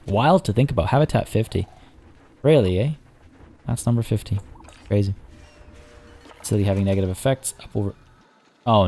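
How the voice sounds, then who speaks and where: A let's play host chats casually over gameplay in a warm, lowish voice gone hoarse as he loses it. His commentary rambles, full of fillers and restarts.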